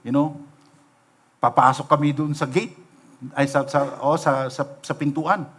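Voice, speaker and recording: Middle-aged Filipino pastor, sermon delivery, fairly high pitch, conversational and questioning. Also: male voice, fairly even intonation, unhurried, a bit bright, husky. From Philippines. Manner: storytelling, rhetorical questions, mixing in English. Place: church sanctuary, livestream.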